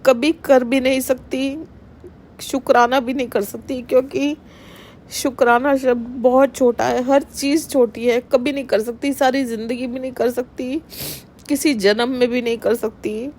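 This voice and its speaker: Woman, middle-aged, devotional testimony, slow and emotional, slightly high voice, faint background hiss. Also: fairly even intonation, darkish tone. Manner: emotional, earnest, addresses listeners as sangat ji. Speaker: devotional satsang speaker.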